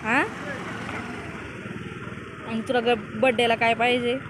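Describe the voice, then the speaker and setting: A woman's voice: on the high side, little pitch movement, slow, background noise. A woman narrating a casual family vlog and coaxing answers from a small child. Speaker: vlogger.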